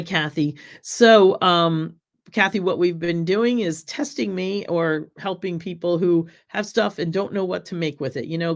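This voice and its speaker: Chatting with viewers during her casual cooking livestream, a middle-aged American woman rambles amiably, using plenty of ums and reading comments aloud. Her lowish voice carries a slight rasp because she's recovering from an illness.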